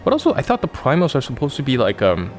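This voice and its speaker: A man's voice: mid-range voice, huge pitch swings, fast talker, darkish tone, soft background music. A man hosting a let's play, chatting casually and cracking jokes while he thinks aloud. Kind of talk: casual gameplay commentary.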